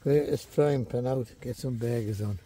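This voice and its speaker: This Teesside angler talks to his vlog audience in a relaxed, colloquial way from a riverbank after dark, recorded on a camera or phone. His voice is medium-pitched and warm with a breathy edge, and his pace is moderate.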